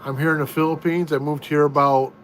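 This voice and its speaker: An easygoing middle-aged American man chats on a home live stream. His voice sits a little high for a man, and he speaks slowly, repeating himself and starting sentences over as he answers viewers. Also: flat delivery, fairly bright tone, slight background noise. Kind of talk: casual live chat reading viewer comments. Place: room at home.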